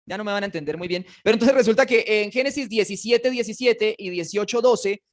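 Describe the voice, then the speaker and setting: Fast, high-voiced man teaching. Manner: animated, joking, quizzes the class with questions. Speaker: Bible class teacher. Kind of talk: casual Bible lesson to a class. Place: classroom with slides.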